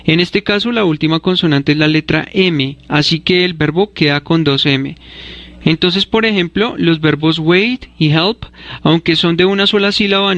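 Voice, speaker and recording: Hombre con voz algo aguda, explicación clara. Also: male voice, on the high side, fairly bright tone, no room sound, lo-fi sound. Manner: clear, measured explanations, spells out letters. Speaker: English teacher. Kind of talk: scripted grammar lesson narration.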